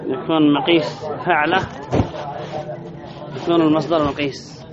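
Male grammar teacher, higher voice, reads and explains, repeats himself; dull recording, audience noise behind. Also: flat delivery, normal speed, a loud crowd. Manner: reads a line then explains, repeats phrases and asks questions. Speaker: sheikh teaching Arabic grammar. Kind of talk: classroom lesson explaining a text.

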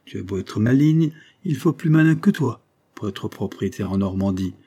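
A man reading aloud, voicing an older country notary who talks in a wry, teasing, mock-official way, with a dark, husky voice. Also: on the low side, expressive, moderate pace. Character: old country notary, sly and amused.

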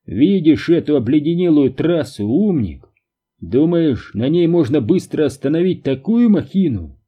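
A man's voice: fairly high pitch, very animated, a little slow, slightly rough, dull audio, pitched above the performer's own voice, full character voice. A man voicing a rude, mocking, stout red-bearded man past middle age in an audiobook.

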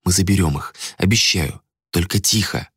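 A man voicing a stern young male ruler who gives firm, hushed commands in an audiobook. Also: deep voice, normal speed, breathy edge, no echo, clean studio sound.

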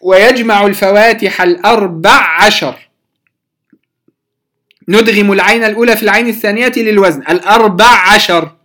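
Woman teacher doing a tajweed class, slow and careful, stretches out each letter sound and checks if students got it. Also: medium pitch, a bit bright. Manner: slow, deliberate, drawing out and repeating letter sounds to demonstrate; addresses students directly, checks understanding. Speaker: Quran recitation teacher. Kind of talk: tajweed lesson explaining a poem.

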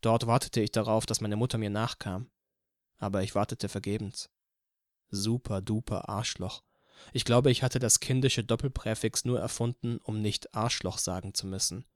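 A man narrating an audiobook in a calm, even first-person reading. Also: fairly low pitch, moderate pace, no echo, clean studio sound. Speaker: audiobook reader.

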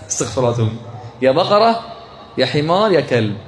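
Animated Egyptian religious teacher, a man. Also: mid-range voice, quick pace, a little hiss or hum. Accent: Egyptian Arabic. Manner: animated and joking, with many questions to the audience. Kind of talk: lively religious lecture to a live group.

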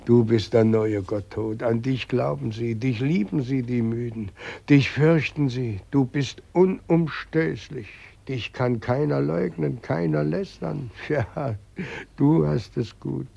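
An actor playing a weeping old god whom nobody believes in anymore, in a vintage radio play. He sounds gravelly and plaintive. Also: medium pitch, slow pace, dark tone, lo-fi sound, heavily acted. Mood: bitter, envious. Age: older. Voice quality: gravelly, husky, tearful and plaintive. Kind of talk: 1940s radio acting.

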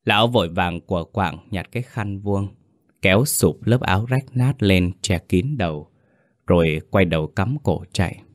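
A man narrating a horror story in a slow, dramatic, deliberate scripted manner. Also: deep voice, no echo, studio quality.

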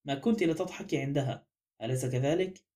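A man's voice: a little high, fast, mellow, natural voice. A man voicing a vain, proud male detective in an audiobook, pompous and insistent in his manner. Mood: stern. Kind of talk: audiobook character reading.

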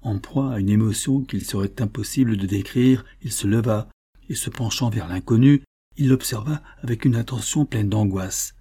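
Low, husky male audiobook narrator. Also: normal speed, dark tone. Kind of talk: literary audiobook reading.

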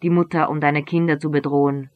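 A reader voicing a cowed young son who speaks quietly and bitterly to his violent father, in an audiobook reading of a novel. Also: mid-range voice, level tone, fairly quick, lo-fi sound, lightly acted. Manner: quiet, pleading.

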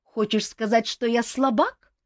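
A woman's voice: fairly high pitch, measured pace, dry recording, clean studio sound, voice pushed up, natural voice. A woman reading an audiobook, voicing a hot-tempered young warrior prince who grumbles and blusters. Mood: blustering. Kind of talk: audiobook character voice.

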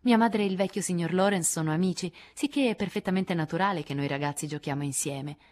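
A woman's voice: on the low side, quick pace, a little mellow, lightly acted. A woman as a modest, teasing teenage girl. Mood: defensive.

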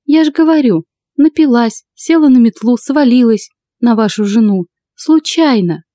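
A woman voicing a young blonde broom racer in an audiobook, in a high, chirpy voice with feigned innocence. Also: animated, normal speed, dark tone, no room sound, natural voice. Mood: flippant. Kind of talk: audiobook character voice.

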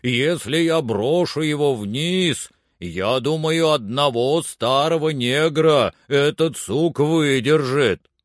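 An older male servant calls down in a plaintive, drawn-out voice, as a male reader puts him on. The pitch sits somewhat above the reader's own, and his words come slowly. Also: no room sound, clean studio sound.

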